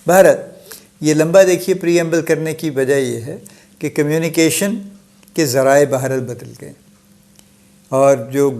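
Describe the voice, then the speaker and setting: A man with a fairly high voice hosts a solo, informal lecture-style talk. He speaks conversationally, mixing in English phrases, chuckling softly and restarting sentences.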